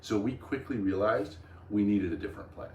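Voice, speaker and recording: A man's voice: lowish voice, a little fast, darkish tone, distant mic, dull audio, slight background noise. A man hosting a vlog, explaining things in casual chat with an enthusiastic, emphatic manner. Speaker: vlog host. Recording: roomy echo.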